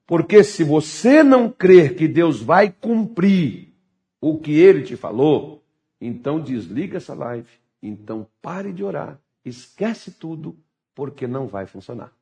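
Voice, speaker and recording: A pastor preaching a sermon, swinging from fervent shouting to hushed, urgent asides. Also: male voice, fairly high pitch, sing-song, a little slow.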